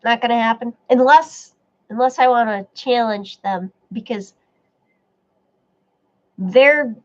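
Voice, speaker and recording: A woman's voice: a little high, slow pace. A woman hosting a casual live stream, reading viewer comments aloud and chatting back, with a stuffy nose. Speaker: livestream host reading chat. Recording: dull lo-fi stream audio.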